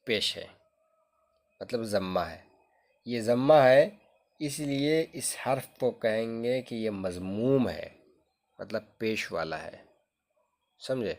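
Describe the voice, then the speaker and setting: A man with a fairly low voice leads a classroom-style grammar lesson. He explains patiently, repeats key terms over and over, and keeps checking that the listener follows. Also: lively intonation, long pauses, darkish tone. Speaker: Arabic grammar teacher.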